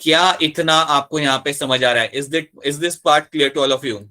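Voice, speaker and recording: A man's voice: a little high, takes it slowly, bright, forceful tone. A man teaching biology in a live online class, explaining step by step, repeating key terms and checking that his students follow. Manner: switches between Hindi and English mid-sentence.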